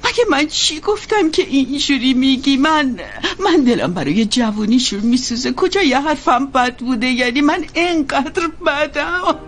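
A woman voicing a worried aging mother in a dubbed TV drama, soft-spoken and tender. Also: high voice, animated, hardly any pauses. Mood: hurt.

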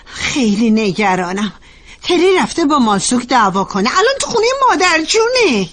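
An actress dubbing a worried, gentle young wife who frets over a family quarrel. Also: female voice, fairly high pitch, very animated. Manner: worried, fretful. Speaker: wife and daughter-in-law. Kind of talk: dubbed TV drama acting.

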